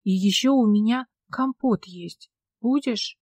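A woman voicing a young, blunt but good-natured village policeman with folksy, steady talk. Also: a little high, unhurried, dry recording. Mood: gentle. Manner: plain-spoken folksy talk, calm and steady.

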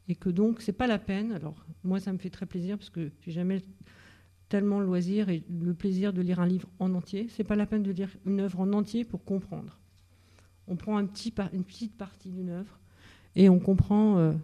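A woman's voice: fairly low pitch, mellow. A middle-aged woman giving an informal talk at a literary evening, hesitant, with many fillers and restarts. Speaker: author and teacher speaking at a literary evening. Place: library event room.

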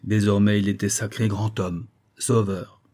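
Low husky male narrator. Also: little pitch movement, measured pace, dark tone. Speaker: audiobook reader. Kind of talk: scripted narration.

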